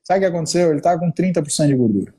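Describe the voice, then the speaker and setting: Middle-aged man, doctor as guest, lively slangy storyteller, husky edge. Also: a little high, rapid-fire. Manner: animated, slangy, acts out quoted dialogue. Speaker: doctor with patients. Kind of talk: casual storytelling in a podcast interview.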